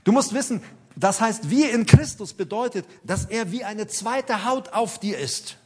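A man in his sixties with a notably high voice delivers a sermon. He talks to the congregation as if chatting, then builds to emphatic, insistent peaks. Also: animated, a little slow, a little mellow, breathy edge. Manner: conversational preaching, addresses listeners directly, rising emphasis. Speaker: preacher.

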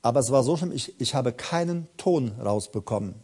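A man preaching a sermon with fervor, repeating phrases for emphasis and swinging from quiet, intimate words to loud cries while addressing his congregation directly. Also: medium pitch, lively intonation, moderate pace, breathy edge.

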